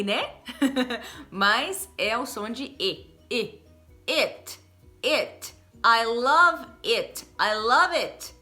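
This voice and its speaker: A woman's voice: fairly high pitch, bright, forceful tone. A Brazilian woman teaching English pronunciation in Brazilian Portuguese, exaggerating and stretching each vowel as she demonstrates it. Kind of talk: pronunciation lesson.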